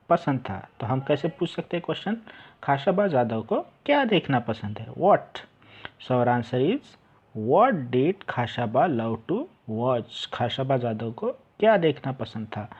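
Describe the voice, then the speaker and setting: A man teaching an English textbook lesson, explaining in Hindi and English, reading words aloud slowly and repeating them. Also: mid-range voice, darkish tone, slightly rough. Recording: dull lo-fi home recording.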